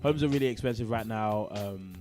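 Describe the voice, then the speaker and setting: A man, co-hosting a podcast in relaxed, slang-heavy casual chat. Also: on the low side, brisk, soft background music. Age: 20s. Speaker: podcast co-host.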